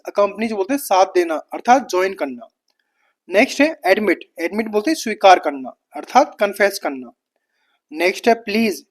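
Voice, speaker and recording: A woman teaching exam vocabulary, briskly listing words and their meanings. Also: medium pitch.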